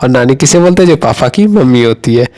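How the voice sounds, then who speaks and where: A man's voice: mid-range voice, animated, fast talker, darkish tone. A man giving an online lesson, teaching English words for family members and asking himself rhetorical questions as he explains.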